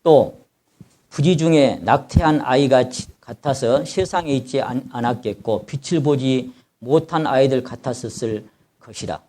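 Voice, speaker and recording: A man's voice: mid-range voice, normal speed, warm tone. A man preaching a sermon as pastor, reading scripture aloud and explaining it with passion, crying out as the sufferer. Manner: reads scripture aloud, then explains it in plain speech; impassioned, cries out in the voice of the sufferer.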